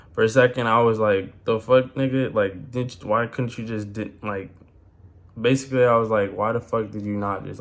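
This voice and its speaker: A young man vlogging, talking casually and rambling with lots of fillers and slang. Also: lowish voice. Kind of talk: casual talk to camera.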